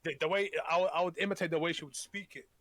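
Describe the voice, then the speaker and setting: A Tagalog-speaking man co-hosts a podcast, rambling casually through a chat, often restarting and swearing freely. His voice sits on the high side with a steady tone, very fast and a bit bright, in a dry recording.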